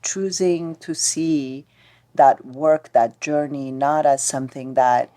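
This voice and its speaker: A woman from Ethiopia hosting a podcast, speaking in a thoughtful, measured way. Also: rumbling low, steady tone, warm tone, dry recording. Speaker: podcast host. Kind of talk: reflective conversation.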